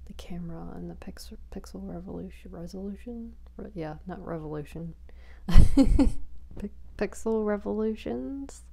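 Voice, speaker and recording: A woman chatting softly for ASMR on a small close microphone, rambling, whispery and giggly. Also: mid-range voice, unhurried, gravelly. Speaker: ASMR creator. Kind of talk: soft-spoken ASMR chatting.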